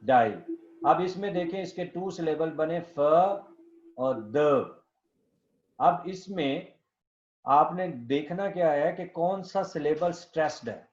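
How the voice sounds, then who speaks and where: A middle-aged male professor giving a classroom lecture, slow and patient, checking often that students follow and dictating definitions word by word. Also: a little high. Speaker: professor teaching linguistics. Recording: dull lo-fi classroom recording.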